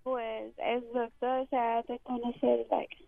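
A woman phones in to a radio show with a high voice and an unhurried pace. She drops English fillers into her questions, and her voice comes through a thin, tinny phone line. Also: little pitch movement, gravelly, crowd noise. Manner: mixes in English filler words. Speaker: caller. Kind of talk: phone-in conversation.

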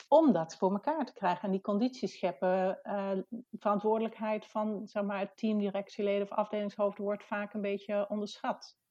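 A woman explains her ideas in a discussion, pausing often with hesitant fillers as she goes. Her voice comes through a dull, slightly muffled lo-fi recording. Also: mid-range voice, darkish tone. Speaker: discussion guest. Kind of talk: casual discussion. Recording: dull lo-fi sound.

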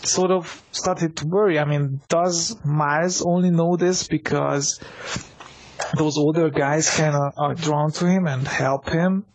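A man's voice: on the high side, fairly even intonation, measured pace. A man co-hosting a casual sports podcast, rambling with many restarts and fillers. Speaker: podcast co-host.

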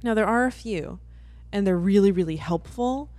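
A woman co-hosting a casual podcast, explaining points in an animated way with lots of fillers. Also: medium pitch, normal speed, no echo. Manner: animated, laughs often, explains with many fillers. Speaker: podcast co-host.

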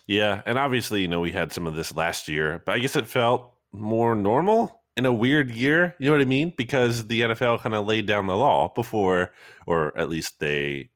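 A man's voice: deep voice, dry recording, studio quality. A man co-hosting a sports podcast in casual, conversational talk full of hedging asides. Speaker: podcast co-host.

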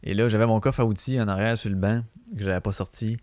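A man's voice: on the low side, fairly even intonation, fast talker, a little mellow, dry recording, clean studio sound. Rambling Quebec French man. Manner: rambling, slangy, swears freely. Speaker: podcast host. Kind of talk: casual storytelling monologue.

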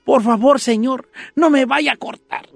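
A storyteller voicing a young Christmas tree that sobs and begs in a high voice. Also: measured pace, vocal fry, breathy edge, no echo, faint music behind, exaggerated voice. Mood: pleading. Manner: sobbing, high, begging voice.

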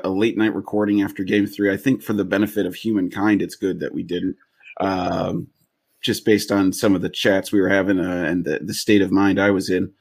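Male sports podcast host, fairly low voice, conversational recaps. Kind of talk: casual sports podcast hosting with game recaps.

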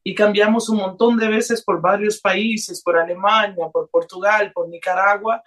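A woman. She tells her story earnestly as a radio guest, pausing and restarting as she gathers her thoughts. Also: mid-range voice, steady tone. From Brazil and Honduras. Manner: earnest, restarts and hesitant fillers. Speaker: singer, interview guest. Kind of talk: personal storytelling in a radio interview.

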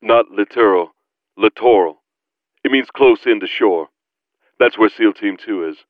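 A man voicing a patient, knowledgeable male companion who calmly explains things. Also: on the low side, moderate pace, dry recording, highs cut off, natural voice. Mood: explaining.

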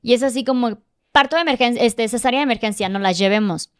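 A woman's voice: a little high, quick pace, clean tone. A woman telling a personal story in casual podcast conversation, emotional and vivid, acting out the dialogue. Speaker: podcast guest.

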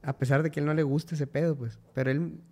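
A man's voice: a little high, fairly even intonation, quick pace, darkish tone. A young man, talking slangily as a podcast guest in casual chat. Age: young adult. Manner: slangy, peppers talk with "güey".

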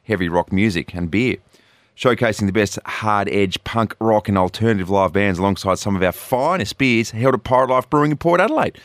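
An Australian man hosting a weekend radio show, full of jokes and teasing banter. His voice is very low and sounds close and dry in the studio. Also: lively intonation, a little fast, dry recording. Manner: jokey, teasing, upbeat. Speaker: radio host.

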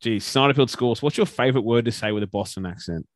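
A man's voice: medium pitch, fast talker, dry recording, clean studio sound. A man co-hosting a casual podcast, rambling with restarts and casual swearing. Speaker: podcast co-host.

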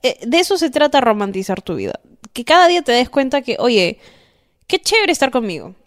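A woman's voice: on the high side, sing-song, a little fast. A young woman hosting a podcast, giving casual, affectionate advice and often checking in with the listener. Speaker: podcast host.

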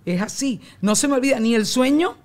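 A woman in her forties with a Venezuelan accent, a guest telling family stories in a loose, animated way full of restarts and slang. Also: on the high side, a little fast. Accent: Venezuelan Spanish. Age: 40s. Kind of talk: casual storytelling chat.

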